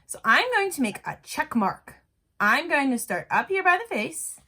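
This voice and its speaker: A woman teaches little kids to draw at an easy pace, breaking it into steps and offering simple encouragement the way an elementary art teacher would. Her voice sounds bright and moves widely up and down in pitch.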